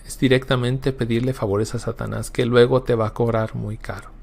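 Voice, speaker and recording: In a Bible class lecture, a man speaks with a gravelly, creaky voice at an average middle pitch, his tone somewhat dark and his pitch barely moving. He teaches emphatically, repeating key words for stress and frequently tossing quick questions to his listeners.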